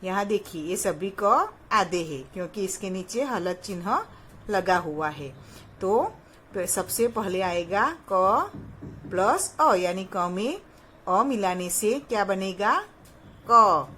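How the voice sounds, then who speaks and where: A woman's voice: mid-range voice, lively intonation, a little slow, a bit bright, a little hiss or hum. A woman teacher giving a patient phonics lesson to young children, sounding out each syllable and asking them questions. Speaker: primary school teacher.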